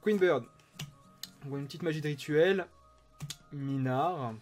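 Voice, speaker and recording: A man's voice: a little high, unhurried, darkish tone, faint music behind. Chatty man opening card packs. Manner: enthusiastic, chatty, reads card names aloud. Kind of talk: casual unboxing commentary.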